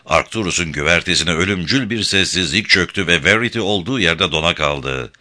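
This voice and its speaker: A man narrating an adventure audiobook in a measured, expressive reading. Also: deep voice.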